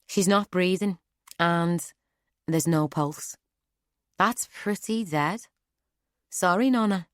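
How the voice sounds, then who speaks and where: A woman's voice: on the low side, takes it slowly, pauses often, no room sound, pitched above the performer's own voice. A woman voicing Clara, a blunt, pragmatic young novice who speaks matter-of-factly and wryly in an audiobook. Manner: matter-of-fact, wry. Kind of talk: audiobook character voice.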